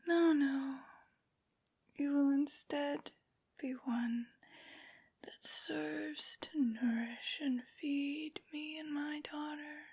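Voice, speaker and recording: A woman voicing a haughty, menacing aristocratic vampire lady in a breathy, whispered ASMR roleplay, with slow, condescending phrasing. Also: high-pitched, fairly even intonation, darkish tone, exaggerated voice. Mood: gloating menace. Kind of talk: soft-spoken ASMR villain roleplay.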